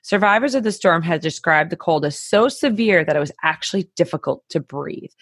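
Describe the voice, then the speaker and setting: A woman's voice: lowish voice, expressive, a little fast, fairly bright tone, husky, no echo, studio quality. A woman co-hosting a podcast, telling a story in a casual, chatty way with many fillers. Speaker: podcast co-host. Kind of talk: casual chat.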